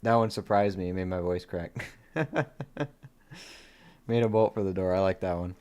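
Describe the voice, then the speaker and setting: Mellow low-voiced man hosting a coin stream. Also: fairly even intonation, normal speed, smooth. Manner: reads coin dates off in a quiet murmur, chatty asides; easygoing, laughs at his own dad jokes. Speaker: coin-hunting live-stream host. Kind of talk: casual live-stream commentary.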